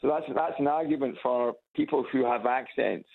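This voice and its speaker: Speaking from a loudspeaker phone on a tinny line, this Edinburgh caller chats casually with a radio show in a medium-pitched, gravelly voice at a fairly quick clip. He's hesitant, tends to repeat himself, and laughs at his own anecdotes.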